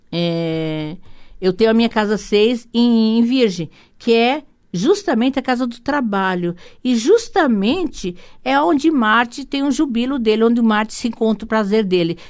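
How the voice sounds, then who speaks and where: Brazilian woman, radio host, mid-pitch, chatty explainer with restarts and tag questions. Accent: Brazilian Portuguese. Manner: rambling, warm asides with frequent "né?" tags; hurried, many restarts and repeated words. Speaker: radio show host and holistic psychotherapist. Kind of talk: radio talk explaining astrology.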